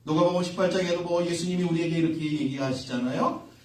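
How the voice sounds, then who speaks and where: A male pastor preaching a sermon with passion. He swings between shouting and hushed asides, and asks the congregation questions before answering them himself. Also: fairly high pitch, fast. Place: church sanctuary. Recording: roomy echo, distant mic, faint hiss.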